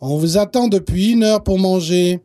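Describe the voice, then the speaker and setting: A man's voice: high voice, normal speed, warm tone, pitched above the performer's own voice, natural voice. A man voicing a scolding older grandfather in a storybook reading. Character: grandfather, strict about mealtimes. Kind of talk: storybook narration.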